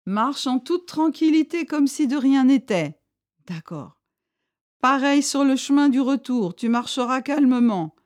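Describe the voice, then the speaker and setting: A woman's voice: high-pitched, expressive, a little slow, darkish tone, voice pushed up. A woman voicing an armed rebel leader, a man who is stern yet friendly and speaks firmly in a raised voice. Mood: commanding. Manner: firm, commanding, raised voice.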